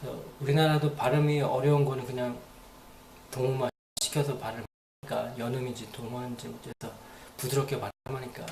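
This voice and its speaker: A man's voice: mid-range voice, little pitch movement, fairly quick, vocal fry, roomy sound, crowd noise. A man giving a casual, rambling spoken lesson, repeating phrases aloud to demonstrate them. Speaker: English teacher.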